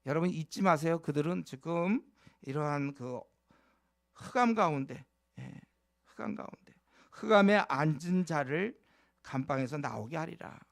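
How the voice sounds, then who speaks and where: A man's voice: a little high, lively intonation, normal speed, creaky, dry recording, studio quality. A male pastor preaching a sermon, earnestly urging his congregation, with frequent fillers and direct questions to the listeners.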